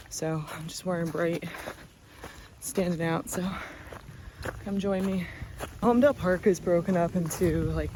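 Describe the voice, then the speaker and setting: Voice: mid-range voice, background noise. A hiking vlogger from New Jersey talks in a chatty, rambling way with many fillers, out of breath on the trail. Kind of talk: casual walk-and-talk vlog. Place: wooded park trails outdoors.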